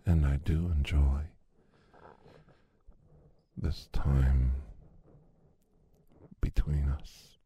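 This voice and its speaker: A man whispering softly and soothingly very close to the mic in an ASMR massage roleplay. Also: extremely low pitch, steady tone, slightly rough. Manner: soft whispering, slow and soothing. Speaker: ASMR performer.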